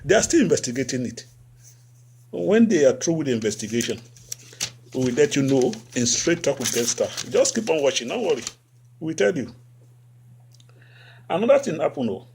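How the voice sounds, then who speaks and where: Hosting a satirical talk show, a West African man from Nigeria speaks at a moderate pace with vocal fry and long pauses over slight background noise. His sarcasm comes through repeated phrases and lively upward swings in pitch.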